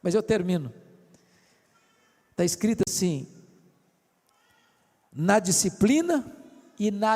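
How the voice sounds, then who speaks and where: An older Brazilian man preaching a sermon with a Brazilian Portuguese accent, swinging between shouting and speaking softly. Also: high voice. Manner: impassioned, swings from shouting to soft. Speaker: pastor. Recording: hall reverb.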